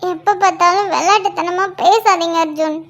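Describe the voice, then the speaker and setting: A woman's voice: very high voice, fairly even intonation, normal speed, a bit bright. A woman voicing a tearful young pregnant wife in a cartoon, pleading with her injured husband. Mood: emotional. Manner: pleading, emotional. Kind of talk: cartoon voice acting.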